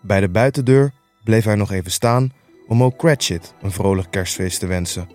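A man reading the narration of a classic story aloud in measured, even storytelling. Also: lowish voice, soft background music. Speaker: audiobook reader. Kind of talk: scripted narration.

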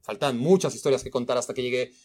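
A man's voice: medium pitch, quick pace, darkish tone. A man giving casual, opinionated football analysis on a podcast, emphatic at times.

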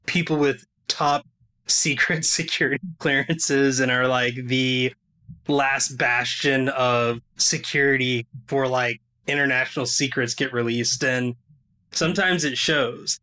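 A young man hosts a podcast in a relaxed, conversational way. His voice is bright and a little tense. He talks loosely, with quick asides and the odd laugh, at a middling pitch. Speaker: podcast host. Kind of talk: casual podcast chat.

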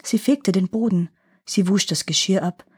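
A woman telling a fairy tale in a calm, expressive storybook reading. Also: medium pitch, normal speed, husky.

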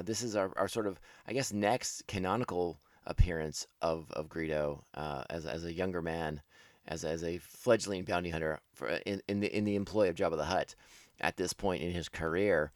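Deep-voiced man rambling fan commentary. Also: dry recording, clean studio sound. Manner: rambling, with frequent restarts and self-corrections; enthusiastic fan talk, laughs at himself. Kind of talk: casual commentary.

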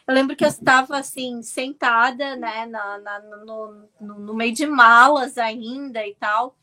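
A woman from Brazil, in her thirties, telling stories as an interview guest, animated and often restarting her words. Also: on the high side, a little slow. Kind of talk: casual storytelling.

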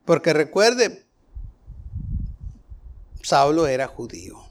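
Slow, high-voiced man preaching a Bible study. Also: very animated. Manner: explains verse by verse, asking listeners questions. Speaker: preacher teaching a Bible passage.

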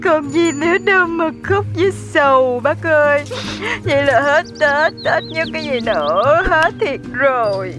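A dramatic young tenant, played by a woman, dropping English words into her talk. Her voice runs fairly high over faint background music. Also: a little fast, lightly acted. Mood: dejected. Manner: mixes in English phrases, dramatic.

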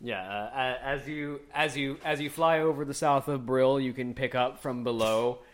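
A man running a tabletop game as game master, narrating and ruling casually, often repeating phrases haltingly. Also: medium pitch.

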